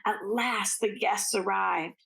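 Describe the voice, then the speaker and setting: A teacher reads a storybook aloud to children with expressive, deliberate phrasing and informal asides. Her voice is medium-pitched and creaky.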